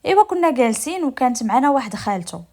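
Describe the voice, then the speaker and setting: Fast-talking Moroccan woman storyteller. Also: high-pitched, sing-song, dark tone. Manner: confiding, addresses listeners directly. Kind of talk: first-person storytelling to women listeners.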